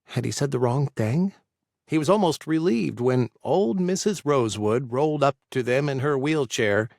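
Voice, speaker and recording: A male narrator reading an audiobook at a mid pitch. His delivery is steady and measured, in a dry, close sound. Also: gravelly, no room sound.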